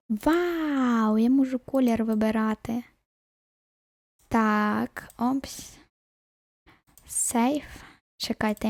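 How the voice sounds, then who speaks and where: Casting note: woman, upbeat gameplay commentary, higher voice with a mellow tone, dry close mic. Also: no room sound. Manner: chatty, talks to viewers while playing, drops into whispers. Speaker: gaming video host.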